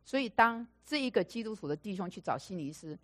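A woman's voice: medium pitch, fast. A woman preaching a sermon through stories, repeating phrases for emphasis and acting out the dialogue. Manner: animated storyteller, acting out quoted dialogue. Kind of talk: storytelling sermon.

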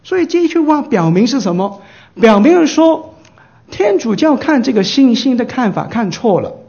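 High-voiced pastor preaching, muffled sound. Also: male voice, big pitch swings, normal speed, gravelly, a little mellow. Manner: asks the congregation questions and answers them himself; acts out short quoted dialogues in livelier voices. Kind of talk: sermon.

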